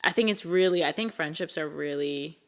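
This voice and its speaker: Young female co-host, casual podcast chat, rambling, lots of "like" and "um", a little low. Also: brisk. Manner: rambling, filler-heavy, laughs often.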